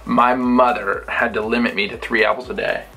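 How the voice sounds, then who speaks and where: A man's voice: mid-range voice, fairly even intonation, normal speed, vocal fry, bright, forceful tone, poor audio. A man in his twenties from Ohio chatting casually with his wife, joking and laughing often. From Ohio, USA. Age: 20s. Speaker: guest, the host's husband. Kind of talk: casual chat.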